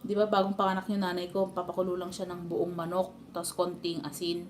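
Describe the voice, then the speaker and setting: A woman's voice: fairly low pitch, monotone, fairly quick, slight background noise. A woman with a Filipino accent chatting and telling family stories to her live stream viewers, laughing often. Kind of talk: casual live stream chat.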